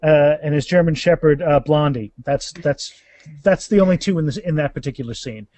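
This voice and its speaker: A guest author chats casually about his books in an animated interview, emphatic and often repeating words as he explains. His voice is a little high with a dark tone, fairly quick, with no echo.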